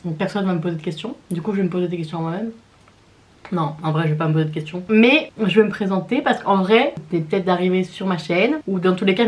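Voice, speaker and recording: A woman's voice: lowish voice, darkish tone. A French woman in her twenties chatting casually in a vlog while eating, often with her mouth full. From France, Paris region. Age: 20s. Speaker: vlogger. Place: home in London.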